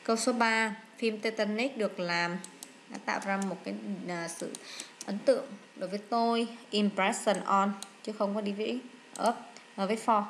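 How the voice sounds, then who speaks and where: A woman's voice: medium pitch, fairly even intonation, normal speed, a bit bright, slight background noise. A woman English teacher going through exam answers step by step, reading English words aloud and explaining each choice, with frequent hesitant fillers and self-corrections. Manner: reads English words aloud then explains in short steps. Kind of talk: exam walkthrough lesson.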